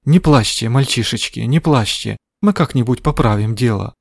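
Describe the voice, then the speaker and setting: A man voicing a loud, scolding elderly woman shopkeeper in a dry audiobook recording. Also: mid-range voice, normal speed, vocal fry, no room sound. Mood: indignant. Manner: fussing and bellowing. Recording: dry studio sound.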